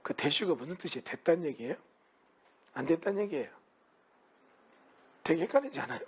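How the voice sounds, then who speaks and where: Animated husky male real estate lecturer. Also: fairly high pitch, brisk. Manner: animated, asks students many rhetorical questions. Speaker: real estate law instructor. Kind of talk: lecture to students.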